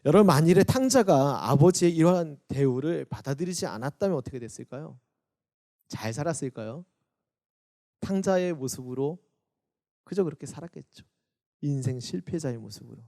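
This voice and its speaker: Soft-toned Korean preacher man. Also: a little high, animated, moderate pace, gravelly. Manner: acts out quoted voices, rises loud then drops soft. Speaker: youth pastor. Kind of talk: sermon. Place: church, online service.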